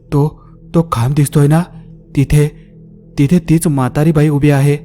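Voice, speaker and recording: A man's voice: mid-range voice, steady tone, normal speed, dark tone, soft background music, lightly acted. A man voicing a frightened young man who pleads in a shaky, urgent, raised voice. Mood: terrified.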